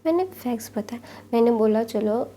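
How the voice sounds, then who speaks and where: A teasing, doting young man who jokes around and begs forgiveness in a story reading, as a woman narrator puts him on. His voice sits somewhat high, dark and mellow. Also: lively intonation, fairly quick, a little hiss or hum, natural voice. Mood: pleading. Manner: teasing, then pleading.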